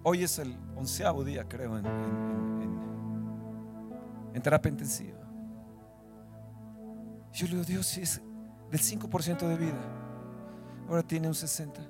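A male pastor preaching a sermon, dropping to hushed whispers and rising to shouts, sometimes singing scripture lines. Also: a little high, a little slow, pauses often, over loud music.

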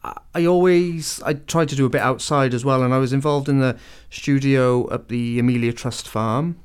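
A man talks casually on a radio show. He stops and restarts often as he searches for what to say, but his voice stays smooth and resonant. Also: mid-range voice, moderate pace. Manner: hesitant, many ums and restarts.

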